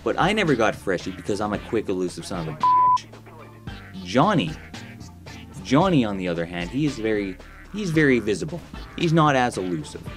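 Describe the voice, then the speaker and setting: A man's voice: on the low side, sing-song, moderate pace. A young man giving crude, sarcastic gameplay commentary in a laid-back storytelling manner. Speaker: gaming commentator. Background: faint background music.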